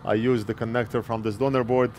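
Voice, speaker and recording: A man in his forties, a repair technician, talks through an electronics repair step by step at an indoor workbench, speaking plainly into a wired earpiece headset mic as he works. His mid-range voice is flat and a little mellow, and he talks fast, with slight background noise.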